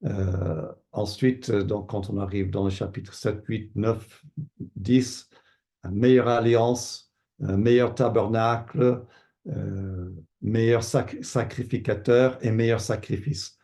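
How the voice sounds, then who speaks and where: An older man from Canada answers interview questions at a slow, careful pace. His low voice is gravelly and mellow, and he often pauses and repeats words as he thinks. He sounds like a pastor and teacher. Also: fairly even intonation. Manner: thoughtful, hesitant with many fillers and repeated words.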